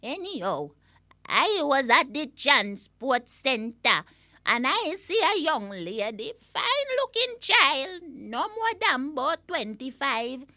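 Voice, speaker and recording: A woman's voice: high voice, big pitch swings, slow pace, pushed and bright, dry recording, studio quality, exaggerated voice. A woman playing a cantankerous old Jamaican granny in a comic audio-story rant, scolding, blunt and indignant, with a Jamaican accent. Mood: gossipy, disapproving.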